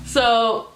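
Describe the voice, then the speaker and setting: A young woman telling a story in a casual vlog, laughing often and saying "like" a lot, putting on voices for the people in the story. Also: fairly high pitch. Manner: giggly, laughs through the story, heavy use of "like"; acts out other people's lines in animated voices. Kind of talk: casual storytime while getting ready. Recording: echoey room with faint music.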